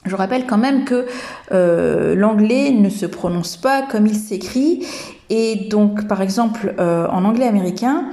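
A woman hosting a podcast lesson, teaching English pronunciation and speaking slowly and hesitantly, with many fillers. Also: mid-range voice, mellow.

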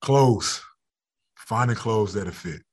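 A man's voice: fairly low pitch, takes it slowly, darkish tone, breathy edge. A man in his thirties, a football player as guest, talking candidly in a casual interview, laughing often and restarting his words.

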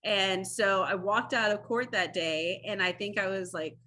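A woman in her thirties tells her story in a casual interview, acting out the people in it with lively quoted voices. Her tone is bright and a little husky, and she peppers her talk with "like.". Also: mid-range voice, a little slow. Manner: animated storyteller, acts out quotes, many "like"s. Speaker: interview guest, former defense attorney.

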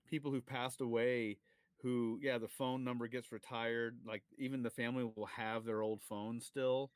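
A man co-hosting a podcast, playful and quick to laugh in casual chat. His mid-pitched voice is recorded close with a dry sound. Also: flat delivery, clear, resonant tone, no room sound. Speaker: podcast co-host.

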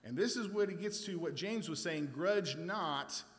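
A man preaches a scripture sermon conversationally, often checking in with listeners using "right?" and "okay?". His voice sits a little high, his pace is measured, and the sound has a long reverb tail.

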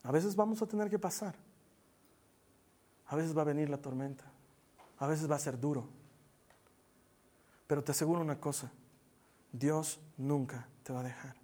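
A man preaching a sermon as pastor, earnest, rising to loud urging and dropping to near whispers. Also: a little high, normal speed, pauses often. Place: church meeting hall, also streamed online.

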